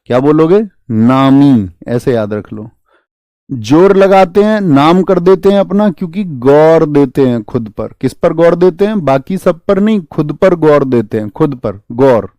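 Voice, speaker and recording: Emphatic Hindi coaching teacher, mellow voice. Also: male voice, a little high, lively intonation, measured pace, no echo. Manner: emphatic, asks the class questions and drills memory tricks. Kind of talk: classroom lecture with mnemonics. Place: classroom with a board.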